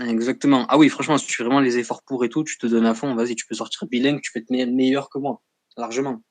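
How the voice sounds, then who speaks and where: A young man who is a guest in a casual chat, speaking in a slangy, chatty and animated way. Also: medium pitch, fast, no room sound. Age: young adult.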